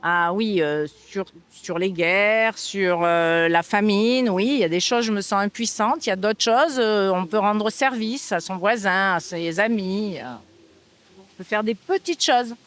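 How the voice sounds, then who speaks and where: A woman's voice: medium pitch, measured pace. A woman giving an unscripted interview answer, hesitating between short phrases.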